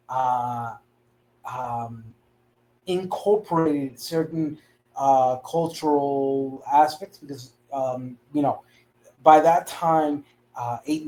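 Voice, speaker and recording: Halting man from Costa Rica on a panel. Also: fairly high pitch, a little mellow, poor audio. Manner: halting, many fillers and restarts. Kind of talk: panel discussion.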